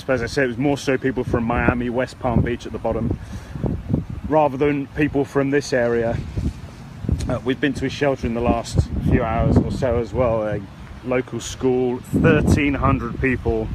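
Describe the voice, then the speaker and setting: A man giving an earnest, halting, unscripted live news report outdoors in a storm, speaking into a phone. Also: medium pitch. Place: outdoors near a hotel in a storm. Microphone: phone held by the speaker. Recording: noisy outdoor wind and rain. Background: storm ambience.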